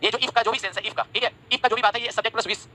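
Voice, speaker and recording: A man's voice: steady tone, racing, rough recording. A man teaching English grammar in a live online class. He reads out viewers' comments, repeats phrases again and again, and keeps checking whether his students understand. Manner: repeats phrases, asks "samajh rahe ho" often; drops to a low, soft voice when apologizing. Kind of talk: live-streamed class, reading chat comments.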